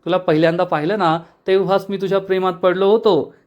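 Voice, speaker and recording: A man's voice: high-pitched, fairly even intonation, fast, lo-fi sound, close to an everyday voice. A man voicing a tender devoted young husband.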